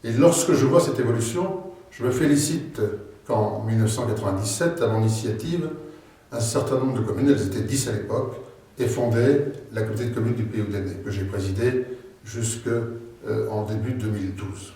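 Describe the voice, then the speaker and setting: A middle-aged or older man, the incumbent mayor seeking re-election, delivers a formal, deliberate, semi-prepared campaign address with hesitant pauses. His voice is fairly low and mellow, recorded from a distant microphone in a very echoey room.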